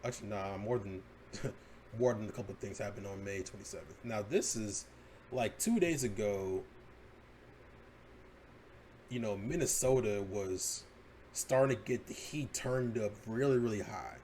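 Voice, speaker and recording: A man's voice: on the low side, a little slow, long pauses, a little mellow, a little hiss or hum. Casual man riffing on headlines. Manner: laid-back, swears and laughs at his own jokes. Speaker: podcast host. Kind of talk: casual commentary reading headlines.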